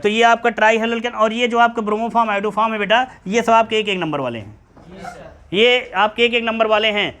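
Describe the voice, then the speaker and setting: A man lectures on chemistry to a room of students. His voice sits high, and he keeps pausing to ask whether the class has understood. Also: fairly bright tone. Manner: repeatedly checks understanding, calls students beta. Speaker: chemistry teacher.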